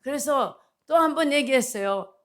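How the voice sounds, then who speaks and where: A middle-aged woman pastor telling a story in a sermon, animated and acting out the dialogue with laughter. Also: high-pitched, normal speed.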